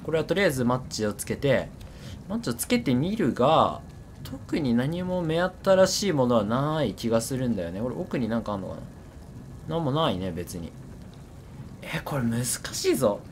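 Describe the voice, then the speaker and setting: A man's voice: medium pitch, big pitch swings, normal speed, a little hiss or hum. A man giving casual, chattery game commentary, repeating his words and poking fun at himself. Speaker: horror game streamer.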